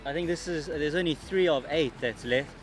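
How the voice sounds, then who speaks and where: A man's voice: fairly high pitch, normal speed, background noise. A man narrating a travel vlog outdoors in brief, matter-of-fact remarks. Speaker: travel vlogger. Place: outdoors in a city.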